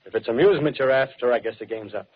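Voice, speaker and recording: A dull, muffled old radio recording of a fanatical American soldier played by a male actor. His voice is husky and his talk is rough, clipped and insistent. He is a scheming survivor in a 1930s radio play. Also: medium pitch, very fast, close to an everyday voice. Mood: agitated, bitter. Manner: colloquial tough-guy talk, clipped phrases, insistent.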